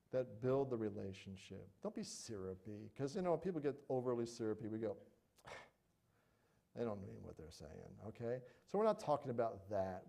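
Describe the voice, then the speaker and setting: A middle-aged man preaches with a mellow, warm voice of middling pitch. He talks conversationally and animatedly, acting out small everyday examples as he goes. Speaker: pastor. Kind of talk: sermon.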